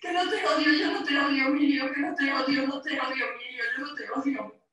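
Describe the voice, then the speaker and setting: A woman's voice: sits high, steady tone, a little fast, sharp tone. An actress with a Spain Spanish accent playing a harassed woman who argues tensely with her ex over the intercom, pleading and exasperated. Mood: weary. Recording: echoey distant playback in a hall.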